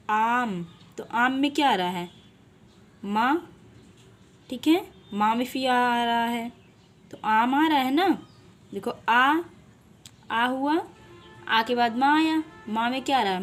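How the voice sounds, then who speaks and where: A woman teaching an online class to young children, slowly asking questions, answering them herself and repeating key words. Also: a little high. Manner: slow, repeats key words, stretches syllables apart. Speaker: online primary school teacher. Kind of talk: teaching a Hindi lesson to children.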